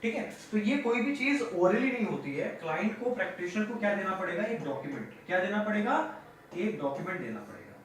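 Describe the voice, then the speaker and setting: A man's voice: high voice, very animated, a little fast, slight background noise. A male audit teacher lecturing, asking questions and answering them himself, repeating key terms. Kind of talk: classroom lecture. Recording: very echoey room, mic at a distance.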